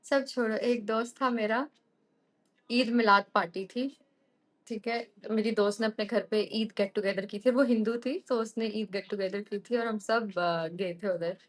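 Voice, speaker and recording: A woman's voice: fairly high pitch, measured pace. A young woman hosting a live stream, telling a story to viewers in a casual way, switching into English often and laughing as she goes. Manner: animated, mixes English into her talk, laughs often.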